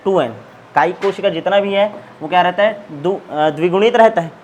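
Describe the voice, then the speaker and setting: A man's voice: sits high, normal speed, darkish tone. A man teaches biology in a lecture style. He poses questions to his students and answers them himself, repeating each key term. A faint hiss sits under the recording. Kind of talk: classroom lecture with call-and-response questions.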